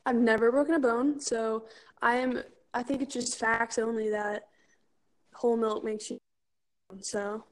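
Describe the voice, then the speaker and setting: Young female podcast co-host, highish voice, chatty slangy banter with lots of filler "like". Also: flat delivery, measured pace. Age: young adult. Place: kitchen at home.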